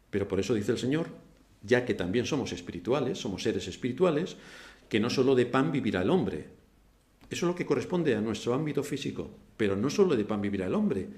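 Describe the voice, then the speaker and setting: A man preaching a sermon as pastor, animated, with rhetorical questions and sudden loud outbursts. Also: mid-range voice, reverberant. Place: church hall.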